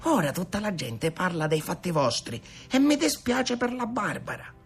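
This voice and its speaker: A worried peasant mother, as a male narrator puts her on, high and thin in tone. She reproaches gently but firmly. Heard in a storybook with faint music. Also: very animated, normal speed, slightly rough, exaggerated voice. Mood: reproachful.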